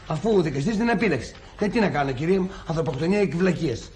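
An actor playing a sarcastic, short-tempered village husband who rants and hurls insults in a sitcom. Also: male voice, fairly high pitch, lively intonation, a little hiss or hum, natural voice. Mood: grumbling. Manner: ranting, shouting insults. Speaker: sitcom character. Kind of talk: sitcom acting.

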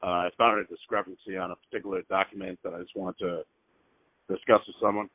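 A man making a phone call and leaving a voicemail, heard over a landline phone line. He speaks carefully and hesitantly, with frequent fillers, and repeats details and numbers slowly. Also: low voice, level tone, background noise. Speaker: caller. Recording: tinny, dry phone line.

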